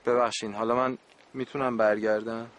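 A man's voice: medium pitch, level tone, a bit bright, lightly acted. A man playing a good-natured adult camp supervisor in a radio play, talking in a joking, exasperated, pleading way.

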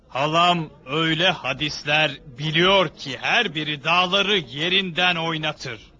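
A man's voice: fairly high pitch, sharp tone, exaggerated voice. An actor voicing a young male warrior in a dubbed period drama, blunt and impatient with his grieving family. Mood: scornful. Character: young male warrior, defiant son and nephew.

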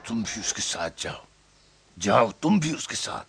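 A man playing a gravelly scheming plotter. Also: on the low side, sing-song, a little slow, background noise, heavily acted. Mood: commanding. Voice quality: gravelly and husky. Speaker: conspirator leader in a period drama. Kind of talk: dubbed historical drama acting.

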